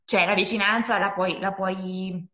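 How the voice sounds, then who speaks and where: A woman's voice: medium pitch, fairly even intonation, measured pace, pushed and bright. A young woman chatting casually as a podcast guest, searching for her words as she gives her view. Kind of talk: casual group chat. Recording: dull, echoey lo-fi sound.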